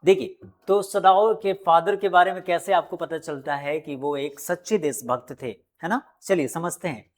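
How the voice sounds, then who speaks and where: A coaching teacher with an Indian English accent works through exam answers at a measured pitch. The English lines come out slow and deliberate, each one restated in Hindi. The teacher stops to correct small slips aloud. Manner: reads English lines slowly, then explains them in Hindi.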